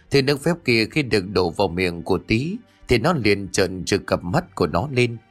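A man narrating an audiobook ghost story in a steady storytelling delivery, recorded as a voice-over. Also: fairly low pitch. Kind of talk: scripted narration. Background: faint background music.

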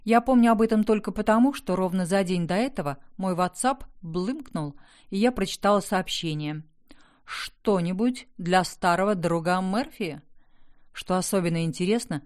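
A female audiobook narrator moves briskly through scripted first-person narration, her lowish voice darkish in tone. She tells the story in a wry, conversational way.

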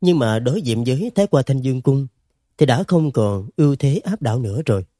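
A man narrating a fantasy story in an expressive, dramatic reading. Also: medium pitch, fairly quick, dry recording, studio quality. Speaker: audiobook narrator.

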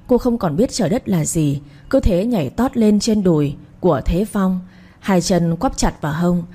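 A woman reading a romance novel aloud as storyteller, in a steady, expressive narration. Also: on the low side, husky.

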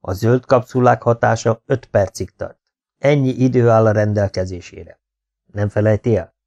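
Brisk practical male conspirator read by a male narrator, earnest, low gravelly tone. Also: darkish tone, highs cut off. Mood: instructive.

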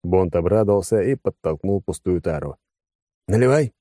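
A man's voice: on the low side, lively intonation, moderate pace, dark tone, no room sound, studio quality. A man narrating a science-fiction audiobook in first person, in a wry, conversational way.

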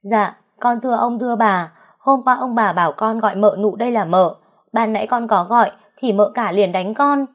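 A woman's voice: a little high, normal speed, voice pushed up, lightly acted. A woman voicing a young, timid servant girl who stammers and pleads. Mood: pleading.

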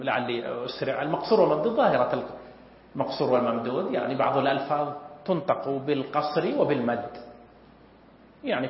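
A man gives an academic lecture, measured and full of pauses, often clearing his throat. His voice sits a little high. The recording is dull and lo-fi, with a long echo from a roomy hall. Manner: measured, pausing often with fillers. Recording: echoey hall, dull lo-fi sound.

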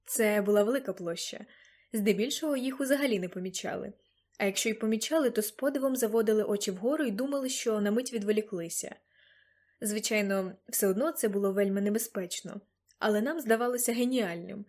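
A woman's voice: mid-range voice, fairly quick, darkish tone, natural voice. A woman reading the lines of an elderly grandfather, earnest and a little guilty, in an audiobook.

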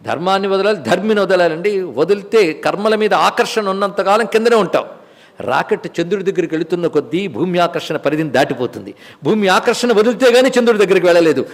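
High-voiced man giving a scripture discourse. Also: animated, quick pace, in a large hall. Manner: explains verses by quoting, repeating and asking rhetorical questions. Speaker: spiritual teacher. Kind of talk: Bhagavad Gita discourse.

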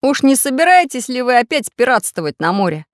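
Samodelkin, woman doing a bright friendly craftsman. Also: sits high, big pitch swings, a little fast, dry recording, clean studio sound, pitched above the performer's own voice. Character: kind tinkering iron craftsman man.

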